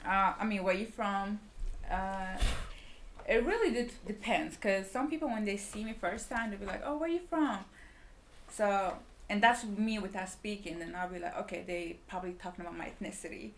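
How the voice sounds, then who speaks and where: A woman in her twenties, originally from Liberia and raised in Sweden, chats casually as a podcast guest with a Swedish accent, rambling and using lots of fillers. Her voice is medium-pitched at a moderate pace, with a little hiss or hum in the background.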